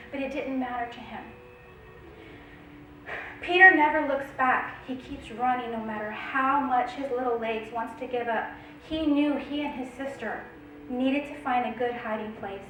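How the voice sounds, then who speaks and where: A woman casually reading out and telling a long dream to her viewers, often stopping to check in with a quick "okay?". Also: high-pitched, fairly bright tone, heavy reverb, recorded from a distance, a little hiss or hum, low-quality recording. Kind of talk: casual storytelling narration.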